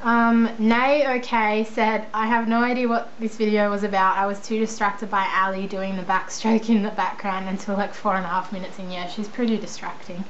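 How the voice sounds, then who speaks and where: A woman's voice: medium pitch, level tone, moderate pace, few pauses. A young woman with an Australian accent chatting casually in a rambling, self-deprecating, informal way as she answers viewer questions. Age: young adult. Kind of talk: casual chat. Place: indoors at a computer. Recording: dull lo-fi sound, faint background noise.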